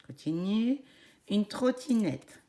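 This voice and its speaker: A woman teacher with a French accent, giving a phonics lesson to young children in a slow, encouraging voice and spelling out each syllable. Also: medium pitch, lively intonation, mellow.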